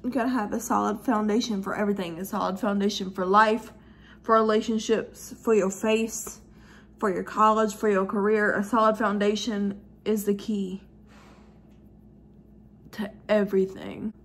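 A woman in her twenties chatting through a casual makeup tutorial, giggly and drunk, with an animated, sassy, slangy way of rambling. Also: mid-range voice, moderate pace. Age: 20s. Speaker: makeup vlogger. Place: living room at home, high ceiling.

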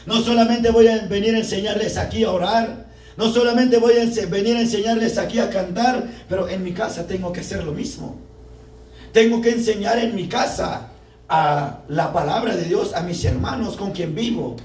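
A man's voice: high voice, normal speed, a little mellow. A young man preaching a sermon at a parish group, fervent and full of rhetorical questions to the congregation. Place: church hall. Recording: echoey room, mic far off, faint background noise.

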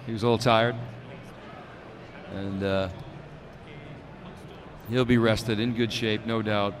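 This middle-aged tech show co-host speaks in a low, flat voice and takes his time, offering analytical live event commentary full of fillers. He's in a conference studio booth on a handheld stand mic, with busy crowd noise behind him.

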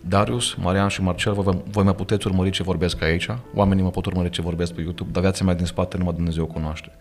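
A man's voice: low-pitched, flat delivery, faint music behind. A man with a Romanian accent speaking as a pastor in a podcast conversation, earnest and emphatic, quoting scripture as he talks. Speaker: pastor and guest. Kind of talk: podcast conversation, preaching manner. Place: studio.

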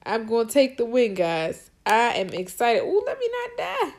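Squealing, excitable woman game commentator. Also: fairly high pitch, normal speed. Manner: squealing and gasping, coaxing the game aloud. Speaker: gaming channel host.

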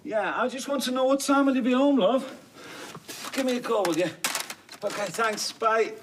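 An actor playing an anxious, affectionate husband in a British TV soap. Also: male voice, extremely high pitch, normal speed, noisy background. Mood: worried, coaxing. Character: anxious, affectionate husband, frantic over his missing partner. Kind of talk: naturalistic British TV soap acting.

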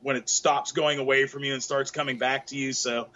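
A man's voice: medium pitch, flat delivery, a little fast, sharp tone, dull audio. A middle-aged man explaining surf fishing technique on a video call from a tackle shop, with lots of fillers and restarts. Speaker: guest fishing expert. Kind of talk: casual video-call interview. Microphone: laptop webcam on a video call.

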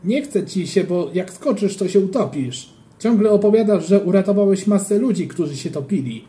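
A reader putting on a cocky schoolboy who taunts his friend, loud and needling. His voice swings between high and low, with a dark, soft tone underneath. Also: lively intonation, normal speed, lightly acted. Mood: taunting. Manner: taunting, teasing. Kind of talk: audiobook character voice.

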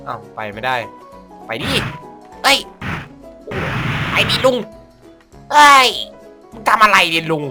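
A man giving casual comedic gameplay commentary as a video host, crude, sweary and excitable in his exclamations. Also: sits high, slow, long pauses, music in the background.

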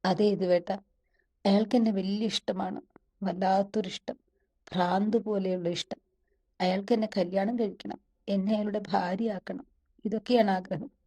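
Frightened young woman, voiced by the woman narrator, tearful and pleading, mellow tone, storybook read. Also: fairly high pitch, fairly even intonation, normal speed, long pauses.

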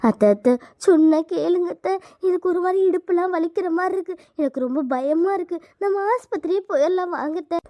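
A woman's voice: extremely high pitch, a little fast, mellow, no room sound. A woman voicing a frightened young pregnant wife who begs her in-laws in a cartoon. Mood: pleading. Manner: pleading, tearful.

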